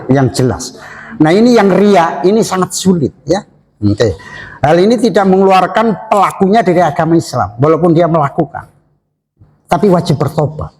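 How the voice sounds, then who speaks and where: A man giving a religious study lecture to a congregation, chatty, joking and laughing with his listeners, slowing to stress key terms. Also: sits high, very animated, darkish tone. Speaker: Islamic preacher. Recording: echoey hall reverb.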